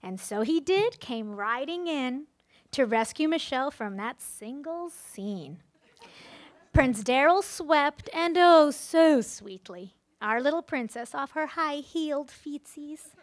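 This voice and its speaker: Her voice sits high, with lively intonation and a slow pace, as this friend of the bride speaks before the wedding guests. She reads partly from a rhyming storybook in a playful, theatrical manner.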